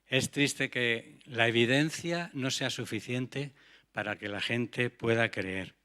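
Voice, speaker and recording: A man's voice: medium pitch, takes it slowly, pushed and bright. Earnest male preacher. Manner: earnest, rhetorical questions to the congregation. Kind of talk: sermon.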